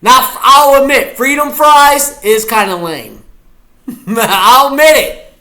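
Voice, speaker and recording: A streamer with an extremely high pitch talks at a slow pace, his tone pushed and bright. While watching a football game live, he chats with viewers in a goofy, casual way.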